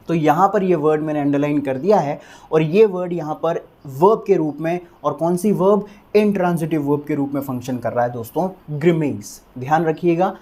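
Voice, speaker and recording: Man, english teacher, vocabulary lesson, slow repeated pronunciation drills, mellow tone. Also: fairly high pitch. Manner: addresses viewers as friends, asks "clear?".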